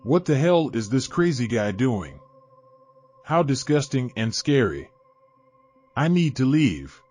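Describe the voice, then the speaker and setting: A man's voice: medium pitch, sing-song, takes it slowly, darkish tone. A man voicing a young woman driver in a scary story, frightened and indignant. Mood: scared, indignant.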